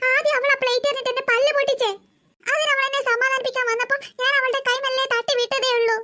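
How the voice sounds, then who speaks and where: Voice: extremely high pitch, sharp tone. A performer voicing a sulky older sister in a cartoon, a girl who whines and complains to her mother. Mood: complaining. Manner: whining, complaining.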